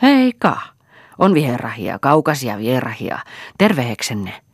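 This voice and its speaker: Man putting on a loud jovial backwoods man. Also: medium pitch, big pitch swings, husky, no room sound, clean studio sound, heavily acted. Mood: hearty. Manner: boisterous, teasing, laughing.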